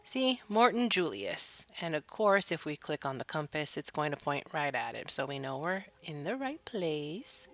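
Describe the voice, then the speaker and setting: A woman's voice: low voice, big pitch swings, normal speed, hardly any pauses, a bit bright. A woman hosting a video game walkthrough with casual commentary, recorded close up indoors. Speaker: gameplay video host.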